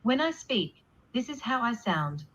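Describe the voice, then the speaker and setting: A woman's synthetic text-to-speech voice played back from a computer, reading a sample line in an even, scripted delivery. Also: fairly high pitch, a little slow, a little hiss or hum. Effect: synthetic text-to-speech voice played back through a computer. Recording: dull lo-fi playback.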